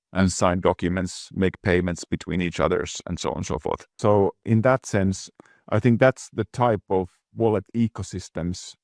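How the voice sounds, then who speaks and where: Male exec guest, deep voice, deliberate and halting delivery, dry sound. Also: a little mellow, no room sound. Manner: measured, thoughtful, frequent restarts and repeated words. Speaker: guest executive. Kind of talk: business interview.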